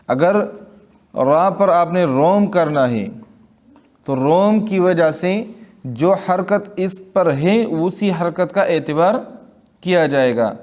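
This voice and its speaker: A man from Pakistan with a somewhat high voice teaches a recitation lesson. He explains tajweed rules patiently, repeats words to demonstrate them, and keeps checking in with his students. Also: expressive, a little mellow.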